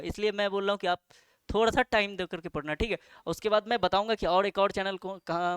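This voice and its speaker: A young man talks students through a study plan in a loose, chatty way, stumbling over fillers and correcting himself as he goes. His voice is high, crisp and clear, and he talks fast. The sound is dry and close, with no room echo. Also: fairly bright tone. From India. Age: young adult. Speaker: student tutor giving exam study advice. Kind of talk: casual study-plan talk to camera.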